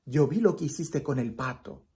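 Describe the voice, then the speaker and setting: Woman voicing a bossy, scheming little sister, teasing, husky edge. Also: low voice, animated, normal speed, dark tone, exaggerated voice.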